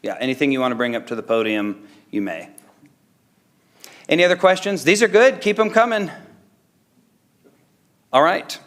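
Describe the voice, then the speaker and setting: A man's voice: on the high side, normal speed, pauses often, fairly bright tone. A man informally chairing a public meeting in a conversational, accommodating way. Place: indoor council chamber, dais microphone.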